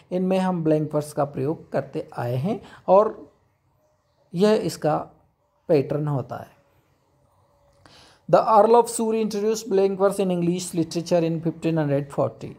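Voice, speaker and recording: A man teaching English poetry, explaining step by step and reading definitions slowly. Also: high-pitched, darkish tone. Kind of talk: classroom lecture.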